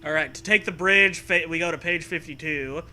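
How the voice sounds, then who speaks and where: A man with a slightly high, sharp voice delivers a story theatrically at a moderate pace, stopping now and then to riff and crack jokes. It's a comedic dramatic read-aloud mixed with casual banter, set over soft background music.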